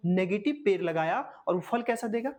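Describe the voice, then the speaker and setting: A woman's voice: mid-range voice, expressive, normal speed, darkish tone. A woman giving a motivational lesson, putting questions to her listeners and answering them herself. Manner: calls listeners "dear my champion". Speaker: motivational coach.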